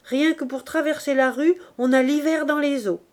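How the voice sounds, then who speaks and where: A woman's voice: sits high, fairly even intonation, moderate pace, darkish tone, voice pushed up, natural voice. A woman doing a chatty, exclaiming neighbor.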